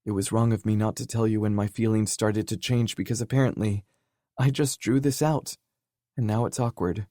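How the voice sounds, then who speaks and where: A man's voice: fairly low pitch, fairly even intonation, normal speed, warm tone, dry recording, voice pushed up, lightly acted. A heartbroken young woman confesses her love, her voice lifted and pleading, as a man reads her part. The audiobook sound is close and dry, with no room around it. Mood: hurt, pleading.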